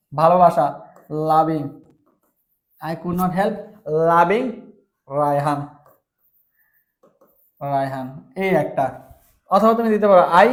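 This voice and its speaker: A man with a Bangladeshi Bengali accent teaching English grammar, spelling words letter by letter and often checking that his students follow. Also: high voice. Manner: calls students brother, asks if they follow. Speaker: English tutor. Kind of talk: online grammar lesson.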